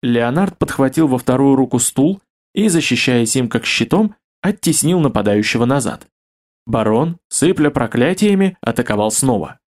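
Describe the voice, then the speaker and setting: A man's voice: mid-range voice, moderate pace. Male audiobook narrator. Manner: steady storytelling. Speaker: audiobook reader. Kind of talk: scripted narration.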